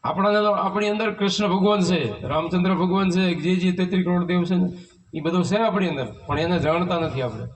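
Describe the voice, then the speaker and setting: High-voiced Kutchi preacher, distant mic. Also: male voice, a little fast, slight background noise. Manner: preaches in rhetorical questions and recites hymn verses. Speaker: spiritual teacher leading a satsang. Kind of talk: devotional sermon. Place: devotee's home in a village. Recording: voice from far off the mic.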